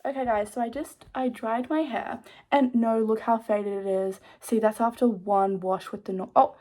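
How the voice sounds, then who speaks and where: A woman's voice: on the high side, a little mellow, a little hiss or hum. A young woman vlogging casually to camera, rambling with lots of fillers and self-mocking asides.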